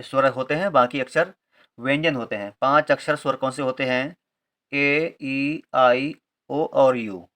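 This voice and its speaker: In a Hindi-medium English reading lesson, a man with a mid-range, a bit bright voice teaches reading rules. He patiently spells words letter by letter and repeats each point with a confirming aside.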